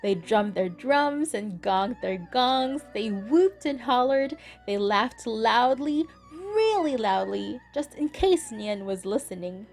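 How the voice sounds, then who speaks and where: A woman reading a children's picture book aloud in a gentle, deliberate way. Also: on the high side, expressive. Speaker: storybook reader. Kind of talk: children's read-aloud narration. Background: soft instrumental music.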